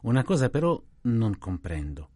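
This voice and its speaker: A man voicing a middle-aged detective who questions politely and quietly but keeps pressing, in a dry, close audiobook reading. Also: medium pitch, big pitch swings, moderate pace, no echo. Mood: probing. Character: calm probing male detective, middle-aged.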